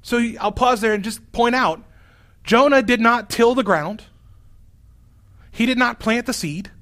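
High-voiced, wry male preacher. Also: unhurried, fairly bright tone. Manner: wry, exasperated storytelling. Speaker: pastor. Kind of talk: sermon.

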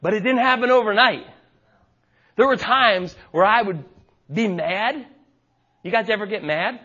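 A man's voice: sits high, a little slow, pushed and bright, slightly rough, lo-fi sound. A man in his forties preaching a sermon from a church stage, emphatic and folksy with joking asides. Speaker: pastor.

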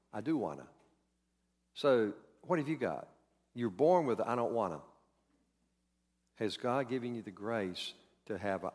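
A man's voice: on the low side, long reverb tail. A man preaching a sermon in a conversational way, acting out quoted lines and repeating key words. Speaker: pastor.

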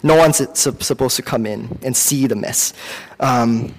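With a medium-pitched voice and a Singaporean accent, a man from Singapore preaches haltingly, as if in conversation. Personal anecdotes run through his sermon, and he corrects himself repeatedly. There is a long hall reverb.

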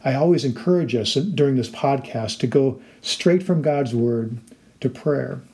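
Man, warm and mellow, earnest devotional podcast host. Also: mid-range voice, a little slow.

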